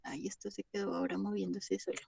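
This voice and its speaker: A woman's voice: medium pitch, very animated, fast talker, gravelly, warm tone, slightly rough, dry recording. A young woman, an English teacher giving an online class on video call, patient and always checking with "¿listo?".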